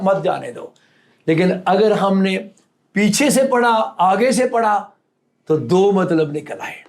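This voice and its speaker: A man preaching a sermon, teaching by example and acting out quoted lines with rising emphasis. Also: high voice.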